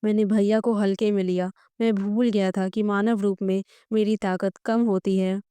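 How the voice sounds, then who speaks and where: A woman's voice: medium pitch, little pitch movement, normal speed, dark tone, smooth, no room sound, natural voice. A woman voicing a proud young male snake guardian in human form who is brash and easily offended.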